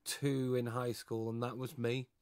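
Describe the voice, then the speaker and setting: A man's voice: mid-range voice, flat delivery, unhurried, darkish tone, no room sound, clean studio sound. A man in his thirties, co-hosting a podcast with playful, teasing banter. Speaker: podcast co-host. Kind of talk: casual chat.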